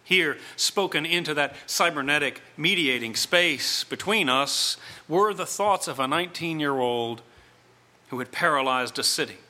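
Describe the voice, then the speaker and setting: A middle-aged man delivering a reflective sermon, speaking in deliberate, measured phrases with dramatic pauses. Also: fairly high pitch, pushed and bright. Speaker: preacher.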